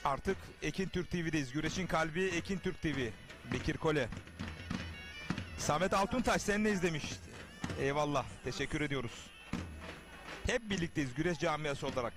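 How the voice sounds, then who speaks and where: A high-pitched man's voice delivers live wrestling commentary with music clearly playing behind him. He speaks to viewers as a TV host, in short, emphatic phrases. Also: normal speed, long pauses.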